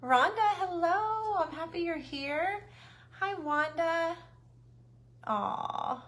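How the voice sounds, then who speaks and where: A woman's voice: very high voice, expressive, takes it slowly, a bit bright. A woman hosting a casual craft livestream, chatty and a little nervous, greeting viewers by name.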